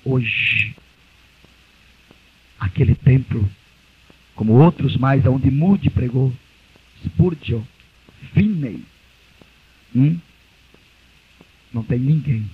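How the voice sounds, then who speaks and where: Brazilian preacher on muffled old cassette. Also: male voice, extremely slow, long pauses, slightly rough. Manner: repeats phrases, swings from hushed lows to shouted cries. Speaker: pastor. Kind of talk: fiery Pentecostal sermon.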